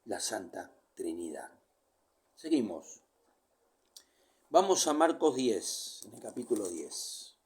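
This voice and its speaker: A man preaching a sermon, reading scripture verse by verse and explaining it, his voice swinging from loud calls down to near whispers. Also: on the low side, very animated, slow, long pauses.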